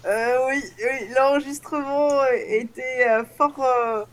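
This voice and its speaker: Woman, radio host chatting through the show, voice a bit high. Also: steady tone, slow pace, a crowd in the background, poor audio. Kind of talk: casual radio show presentation.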